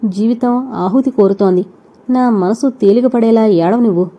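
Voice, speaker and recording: A woman voicing a grief-stricken young woman in an audio novel, speaking slowly and plaintively. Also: fairly high pitch, muffled recording. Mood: tearful.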